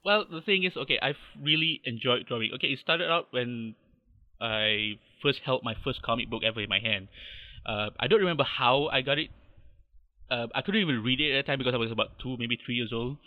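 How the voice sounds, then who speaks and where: Podcast guest: thirties Malaysian man, modest and halting, mid-pitched, lo-fi remote line. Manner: hesitant, many fillers and restarts, modest. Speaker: podcast guest, fan artist. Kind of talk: casual interview chat.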